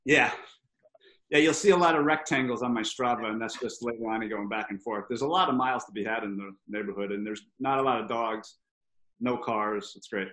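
A man in his thirties from Rhode Island, chatting casually as a guest and letting his stories wander in an easygoing way. His voice sits at a middling pitch. The room adds a noticeable echo. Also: a little fast. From Rhode Island, USA. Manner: relaxed, rambling storyteller. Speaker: podcast guest. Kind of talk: casual chat. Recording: roomy echoey sound.

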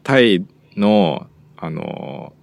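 A podcast host with a low, creaky voice talks very slowly in a casual chat, relaxed and frequently murmuring short replies as he nods along.

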